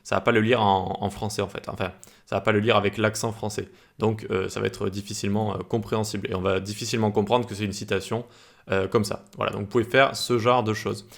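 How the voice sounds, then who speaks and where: A man's voice: lowish voice, little pitch movement, quick pace, vocal fry. A man teaching web development in a screencast tutorial, informal, with many fillers and restarts.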